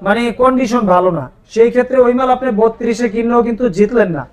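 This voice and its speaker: A Bangladeshi man giving a slick, persuasive used-phone sales pitch, repeating prices and model names with emphasis. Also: fast. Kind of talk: sales pitch for a shop video.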